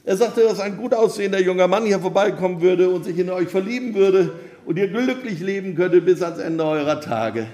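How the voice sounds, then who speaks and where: A man playing an excited young man in a hurry. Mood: hurried, excited. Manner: quick, excited, higher voice. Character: eager, hasty young man seeking luck. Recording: roomy echo.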